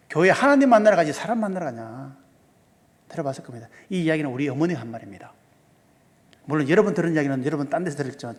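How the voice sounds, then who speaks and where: In a church sanctuary full of long hall reverb, a man with a higher, slightly mellow voice delivers a seminar sermon. The pastor walks through sums step by step and keeps questioning the congregation.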